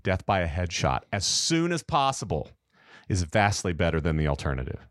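Low-voiced American man reading a horror story. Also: huge pitch swings, normal speed, fairly bright tone, no echo, clean studio sound. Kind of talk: casual podcast chat and story reading aloud.

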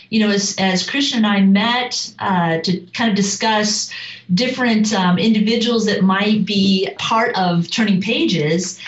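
A woman talking earnestly on a video call, pausing often with um and restarting her sentences. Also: medium pitch. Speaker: school community member, program co-creator. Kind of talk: casual conversation on a video call. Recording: roomy, dull video-call audio.

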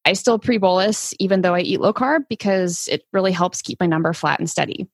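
A woman's voice: on the low side, a little fast, no room sound. A woman hosting a podcast, presenting in a conversational way. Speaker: podcast host.

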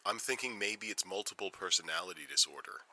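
Tense, low-voiced doctor played by a man. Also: fairly quick, bright, forceful tone. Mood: concerned. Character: anxious, confrontational male doctor. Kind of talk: audio drama acting.

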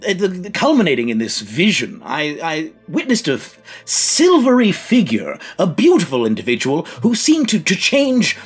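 A man's voice: a little high, huge pitch swings, normal speed, breathy edge, soft background music, exaggerated voice. A man playing a genteel psychic who speaks telepathically into a listener's mind, in a courtly, rambling, hesitant way during tabletop role-play. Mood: wistful, awed.

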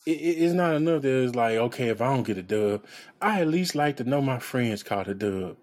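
A man's voice: mid-range voice, brisk, no room sound. A man co-hosting a casual sneaker podcast, ranting with lots of profanity and mocking impressions. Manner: animated, profane, mocks others in exaggerated voices. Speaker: podcast co-host.

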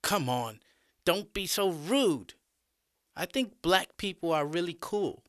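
A man's voice: lively intonation, slow, fairly bright tone, dry recording, clean studio sound, heavily acted. A man putting on a sweet young woman class monitor. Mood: friendly. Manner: high sweet and eager. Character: twenty-year-old woman class monitor, polite.

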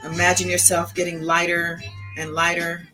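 Woman, calm meditative tone, guided breathing exercise, slightly low pitch, soft music behind. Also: rough recording. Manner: calm, meditative, slow and deliberate delivery. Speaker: host of an online spiritual channel.

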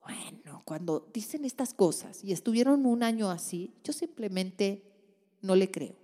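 A woman's voice: medium pitch, unhurried, mellow, in a large hall. A woman, reading out and answering listeners' letters in a tender advice monologue, full of soothing endearments. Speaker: relationship advice host.

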